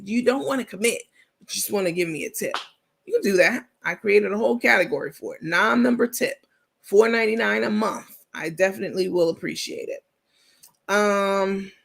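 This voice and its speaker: High-pitched and fairly bright, this man's voice carries vocal fry as he hosts his channel's casual livestream. Chatty and full of ums, he walks viewers through his screen one step at a time and is easily annoyed by little things.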